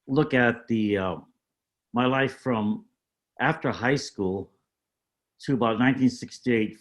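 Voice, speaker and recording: An older man appears as a panel guest over a video call, reflecting on his life story. His mid-range voice comes out measured and halting, pausing on fillers while he picks his words.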